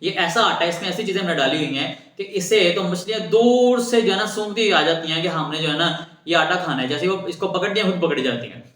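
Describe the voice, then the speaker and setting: Smooth young salesman played by a male storyteller, pitchy and bright. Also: quick pace, echoey room. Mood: coaxing. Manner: persuasive, upselling patter.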